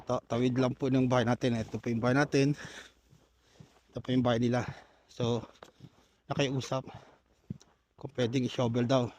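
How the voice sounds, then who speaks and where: A man's voice: mid-range voice, flat delivery, normal speed, long pauses, a little mellow, slight background noise. Breathless man vlogging outdoors. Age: older. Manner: chatty, laughs often between phrases. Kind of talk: casual vlog narration while shoveling snow. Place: outdoors in winter snow.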